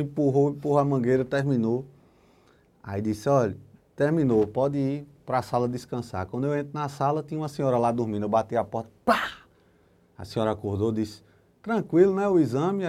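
A young man telling a crude, animated story on a podcast, acting out the voices he quotes. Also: mid-range voice. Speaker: podcast guest comedian.

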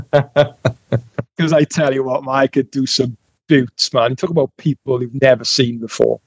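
A man from the United Kingdom co-hosting a podcast, telling stories in casual chat, excitable and laughing often. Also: mid-range voice, a little slow, husky, no room sound, rough recording. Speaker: podcast co-host.

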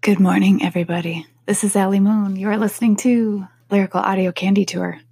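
A woman podcast host with a husky, sleepy morning voice, rambling casually to her listeners. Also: fairly even intonation, a little fast, warm tone. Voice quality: husky, slightly deeper morning voice. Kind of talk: casual solo talk to listeners.

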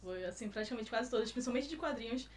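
A Brazilian woman with a high, light voice chats casually on a film podcast. She tells her anecdotes in a lively, animated way. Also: racing, slight background noise. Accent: Brazilian Portuguese. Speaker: co-host film critic.

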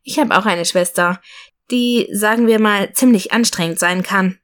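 A woman's voice: medium pitch, moderate pace, natural voice. A chatty, friendly taxi driver in a storybook, curious about her passenger. A woman reads her lines in a lightly raised, everyday voice.

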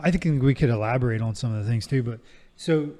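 A man chats on a tech podcast in a mellow, darker voice. He halts often and restarts his sentences mid-thought. His pitch is middling. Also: fast. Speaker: podcast co-host. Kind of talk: casual chat.

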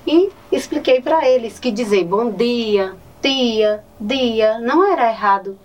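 A teacher and poet with a Northeastern Brazilian accent answers interview questions earnestly, often tacking on "né". Her fairly high voice is animated and a little mellow, and she takes her time. A distant mic picks her up with faint ambient noise.

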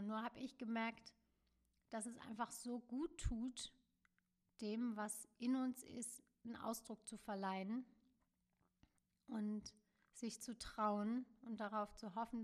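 A woman hosting her own podcast, talking alone in a gentle, searching way with many small fillers and soft, trailing phrases. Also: fairly high pitch, fairly even intonation, a little slow. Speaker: podcast host. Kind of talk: reflective solo podcast monologue.

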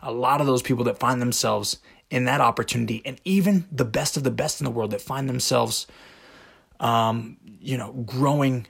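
A man's voice: mid-range voice, normal speed, vocal fry, fairly bright tone, husky. A man hosting a motivational podcast monologue, speaking directly and emphatically with rhetorical questions. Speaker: podcast host.

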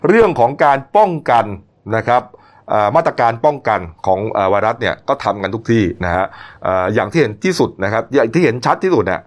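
A man's voice: medium pitch, very animated, fast. Chatty male news commentator. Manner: chatty, opinionated, lots of polite particles. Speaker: news show host.

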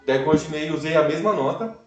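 Fast-talking young man. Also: on the high side. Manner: animated, fillers like "cara" and "né". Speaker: podcast guest. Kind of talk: casual testimony storytelling. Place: live event room. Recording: echoey room, voice far from mic.

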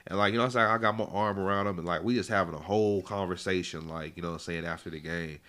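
Young man in his twenties, casual podcast guest, rambling slangy delivery, bright forceful tone, low voice. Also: quick pace. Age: 20s. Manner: laid-back, slangy, rambling with many fillers.

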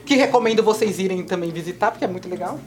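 A young woman, a museum educator and podcast host chatting quickly and laughing with schoolchildren. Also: medium pitch. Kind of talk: casual interview with schoolchildren. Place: museum TV studio. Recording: noisy crowd of children. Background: noisy group of students.

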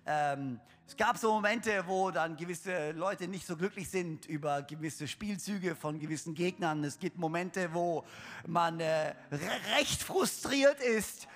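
A young pastor gives a humorous sermon to his congregation in a church hall, chatting and joking with plenty of fillers and restarts. His voice is fairly high and fairly bright, and he speaks unhurriedly. The recording carries a long hall reverb.

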